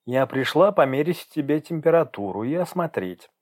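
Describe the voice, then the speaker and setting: A calm middle-aged woman doctor, soothing and reassuring, her voice lifted well above the reader's usual pitch. A man puts her on in an audiobook reading. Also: moderate pace, dry recording, studio quality.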